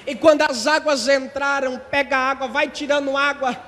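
A man preaching a passionate, repetitive sermon that often rises to shouting. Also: very high voice, flat delivery, moderate pace, long reverb tail, a little hiss or hum.

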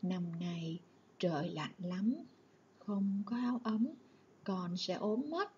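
Casting: gentle storybook mother, quiet and caring, put on by a woman teacher, mellow tone, faint background hiss. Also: slow pace, muffled recording, lightly acted. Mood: tender. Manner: soft, low and hushed. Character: tender worried mother of two children. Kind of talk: reading a story aloud for pupils.

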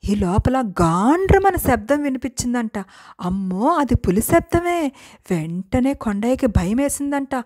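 High-voiced woman telling a children's tale. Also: big pitch swings, measured pace, a little mellow. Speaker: storyteller. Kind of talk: children's storybook narration.

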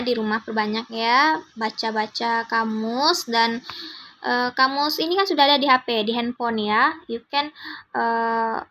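A woman's voice: on the high side, bright, forceful tone. A young woman with an Indonesian accent teaching a class, encouraging her students and patiently correcting their pronunciation. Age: young adult.

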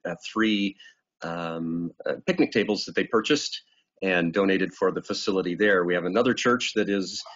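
A middle-aged man giving the city manager's report over a video call, halting with many ums, still recovering from being sick. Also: fairly low pitch, a bit bright. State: getting over an illness. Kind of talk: giving a report at a council meeting. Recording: muffled video call audio.

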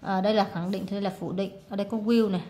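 A woman's voice: medium pitch, steady tone, very fast, dark tone, slight background noise. Female teacher, casual exam walkthrough, chatty with fillers. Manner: casual, many fillers, reads words aloud and translates. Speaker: English teacher.

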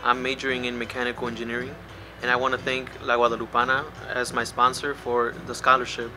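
A young man in his early twenties gives an earnest, measured testimonial to the camera. His pitch stays level and even. Music plays underneath. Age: young adult. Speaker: scholarship student. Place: indoors in front of a logo wall.

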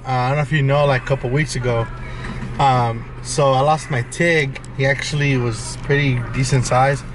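A man's voice: medium pitch, fairly even intonation, normal speed, distant mic, background noise. A young man chatting casually in a car at night, rambling with lots of fillers and restarts. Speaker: fish-keeping vlogger. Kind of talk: casual chat. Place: inside a parked car at night.

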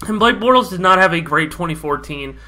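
Young male vlog host, bright tone, rambling casual delivery, faint music bed. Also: high-pitched, expressive, brisk. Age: young adult. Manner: loose, rambling, lots of fillers. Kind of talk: casual sports commentary vlog.

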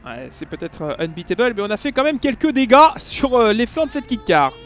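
A young man giving lively, jokey play-by-play commentary on his own rally racing game run as a gaming video host. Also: high voice, fairly quick, soft background music. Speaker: gaming YouTuber.

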